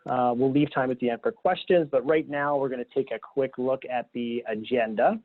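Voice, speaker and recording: A man hosting a video-call webinar, relaxed and upbeat, laughing easily while guiding the panel. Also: mid-range voice, moderate pace. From Philadelphia, Pennsylvania. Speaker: webinar host. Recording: tinny phone-like call audio.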